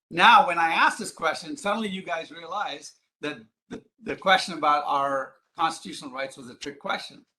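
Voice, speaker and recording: A man with a slightly high, bright, forceful voice delivers a live lecture to an audience. He is a public speaker and president of an advocacy group, from Ghana, the Middle East and East Africa, and he explains things emphatically, often asking rhetorical questions.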